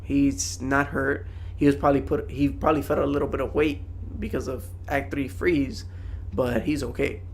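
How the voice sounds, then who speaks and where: A man's voice: medium pitch, steady tone, normal speed, creaky, slight background noise. A young man giving a casual, slangy, rambling anime review to viewers.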